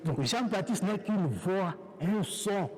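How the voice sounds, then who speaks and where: A priest with an African French accent giving a sermon in a church, speaking in slow, measured phrases with pauses and restarts. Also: male voice, sits high, expressive, soft background music. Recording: reverberant church hall.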